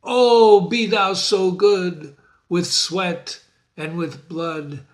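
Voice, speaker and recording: A chorus of chattering magic animals chants in slow, high sing-song, as a man puts them on. The rhymes are drawn out, as in a read-aloud storybook.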